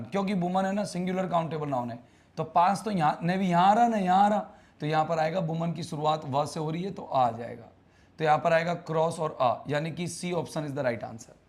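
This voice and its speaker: A man teaches an English grammar class live online. He talks casually and coaxes his students, repeating words over and over to drill them. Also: a little high.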